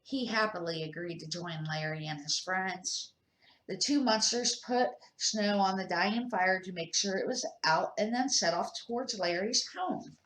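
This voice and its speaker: A grandmother reads a children's storybook aloud in an unhurried, medium-pitched voice. Her delivery is expressive and unpolished, and the room around her is clearly echoey.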